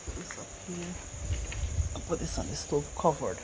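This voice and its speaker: In a home cooking vlog, a woman with a Guyanese accent chats casually to viewers, thinking aloud and repeating herself. Her low voice has lively intonation and a moderate pace, and the noisy home recording carries insect chirps.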